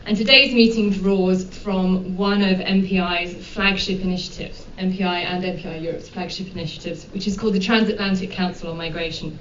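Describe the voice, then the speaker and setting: A woman moderating a panel, giving a formal introduction in a measured way with frequent ums and uhs. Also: fairly low pitch, fairly even intonation, a bit bright, a little hiss or hum. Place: conference room. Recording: dull, echoey hall from far off.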